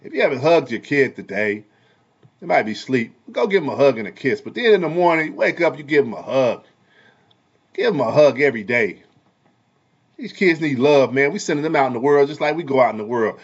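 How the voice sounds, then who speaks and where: A man who is a parent and a barber, talking heatedly in a casual commentary vlog, repeating himself in a preachy way and swinging between loud and soft. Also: medium pitch, animated, brisk, lo-fi sound. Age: adult parent. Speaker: vlogger and barber.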